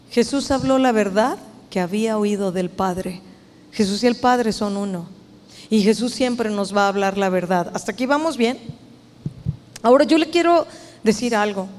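A woman's voice: mid-range voice, darkish tone. A woman preaching a sermon to a women's meeting, earnest and emphatic, speaking directly to her listeners. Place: church meeting hall. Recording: long hall reverb.

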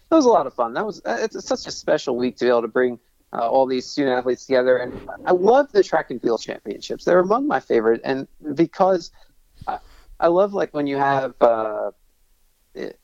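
This clip features a man in his thirties from Long Island, New York, a sports broadcaster chatting enthusiastically in a casual interview, full of restarts and fillers. His voice is mid-range and a little mellow. The recording is dry, with the highs cut off.

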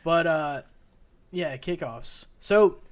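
A young man co-hosts a sports podcast in relaxed, everyday chat. He stops and restarts his sentences often and leans on fillers. His voice sits slightly high for a man. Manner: halting, many restarts and fillers. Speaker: podcast co-host.

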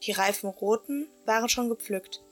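A woman narrating a children's story for an audio play, in a gentle, expressive storytelling manner. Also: a little high, normal speed, faint music behind.

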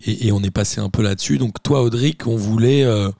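Gravelly-voiced man hosting a chat. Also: lowish voice, a little fast, no room sound, clean studio sound. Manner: relaxed, chatty, asks many questions. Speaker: podcast host. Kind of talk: casual interview.

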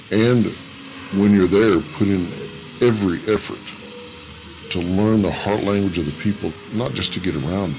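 A man giving thoughtful, halting interview answers as a guest, his voice electronically disguised. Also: muffled recording, noisy background. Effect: disguised voice, electronically lowered. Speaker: interview guest, missionary worker. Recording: music under the voice. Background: music.

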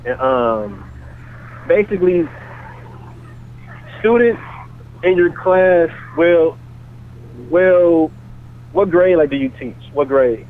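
A man calling in over the phone, talking in a casual, halting way that repeats words and leans on fillers. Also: fairly high pitch, lively intonation. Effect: heard over a phone line. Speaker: caller pitching his book. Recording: tinny phone line with faint hiss.

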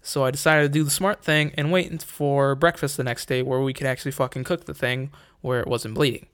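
A man's voice: medium pitch, fairly even intonation, fairly quick, a bit bright, clear, resonant tone. Young male host, casual profane rant, wry and rambling.

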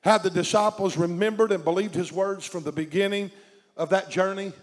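Southern us man giving a sermon, emphatic phrases, highish voice, lots of hall reverb. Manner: emphatic, short repeated phrases. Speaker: preacher. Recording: long echoing hall reverb.

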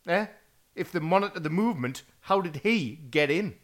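A man's voice: sits high, expressive, moderate pace. A man in his thirties, complaining and grumbling as a player in a tabletop game. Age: 30s.

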